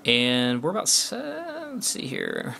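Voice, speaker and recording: A man with a bright, forward voice walks through a phone's features in a casual demo. He talks along as he taps, loose and chatty, full of uh's and restarted sentences. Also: medium pitch, wildly swooping pitch, a little slow, vocal fry, slight background noise. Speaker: phone reviewer.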